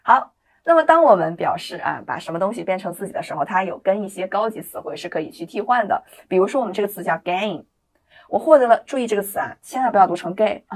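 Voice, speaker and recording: A woman teaching English in a video lesson, explaining with encouragement and reading example sentences slowly and clearly for learners to repeat. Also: lowish voice. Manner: explains in lively, encouraging classroom talk.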